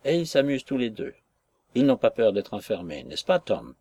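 A man's voice: mid-range voice, very animated, normal speed, a little mellow, slightly rough. A man reading the part of a serious, brave young working girl in an audiobook, speaking politely and earnestly. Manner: earnest, polite and plain-spoken.

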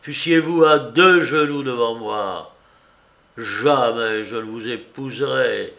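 A man voicing a proud, impoverished young nobleman who pleads with earnest passion, in a slow and creaky voice. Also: mid-range voice, fairly bright tone. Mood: passionate. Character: poor young nobleman, proud and ardent lover.

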